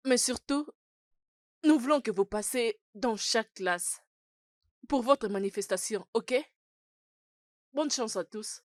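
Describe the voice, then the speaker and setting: Teacher, film dub: measured, formal, very slow delivery, dry close mic. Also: female voice, on the high side, no echo. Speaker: school teacher.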